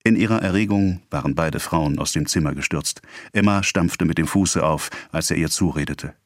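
A man reading a novel aloud as audiobook narration, in a measured, expressive way. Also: very deep voice, dry recording, clean studio sound.

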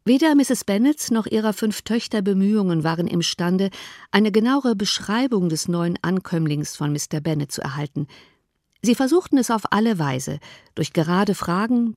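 A woman narrating a classic novel as an audiobook in an even, measured way. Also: medium pitch, no echo, clean studio sound. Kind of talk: scripted narration.

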